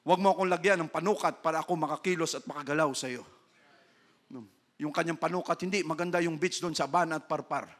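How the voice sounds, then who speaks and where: A male pastor from the Philippines giving an animated sermon, switching between Tagalog and English, acting out voices and checking in with "No?". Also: a little high, quick pace.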